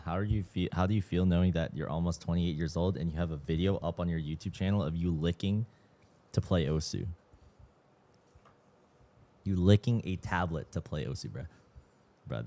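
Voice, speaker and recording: A man's voice: low voice, normal speed, warm tone. A man in his mid twenties, chatting casually as a livestream host, slangy and swearing freely, sounding tired. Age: 20s. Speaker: streamer.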